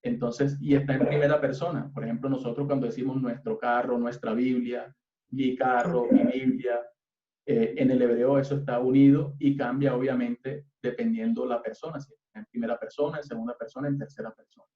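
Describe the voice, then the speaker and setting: A man's voice: mid-range voice, level tone, brisk. A man with a Colombian accent preaching to a youth service, patiently explaining Hebrew words letter by letter in a teaching sermon. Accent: Colombian Spanish. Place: church hall. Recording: roomy, distant, dull church recording.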